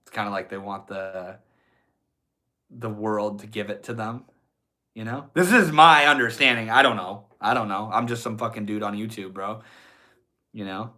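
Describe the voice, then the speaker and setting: Reading chat on his livestream, a stuffy-nosed young man speaks at a moderate pace in a lowish, sharp voice with a steady tone. He chats laid-back with his viewers and curses freely.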